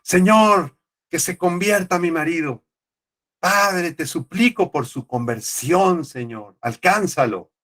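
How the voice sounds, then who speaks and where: A man's voice: expressive, slow pace, a bit bright, full character voice. A man voicing a wife who pleads in prayer for her husband's conversion, in a beseeching, raised voice. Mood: pleading. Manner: beseeching, high-pitched.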